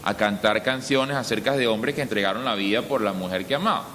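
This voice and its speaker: A Venezuelan man preaching a sermon as pastor, asking rhetorical questions and answering them himself, with sudden swings in pitch and volume. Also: fairly quick, pushed and bright. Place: church hall. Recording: long church reverb, faint ambient noise.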